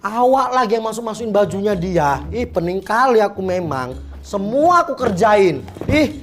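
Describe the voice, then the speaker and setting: A woman with a Medan accent playing a sharp-tongued, bossy middle-aged woman who scolds and complains bluntly. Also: mid-range voice, very animated, normal speed, a little hiss or hum, close to an everyday voice. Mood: irritated. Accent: Medan Indonesian. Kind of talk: comedy web drama acting.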